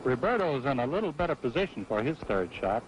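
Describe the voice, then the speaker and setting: A man's voice: mid-range voice, sing-song, brisk. Male golf commentator, noisy old broadcast. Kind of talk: televised golf match commentary.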